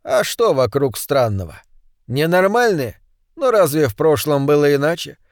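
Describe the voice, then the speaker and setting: A man reading a calm, musing philosopher. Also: on the high side, dry recording, clean studio sound. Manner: measured, reflective.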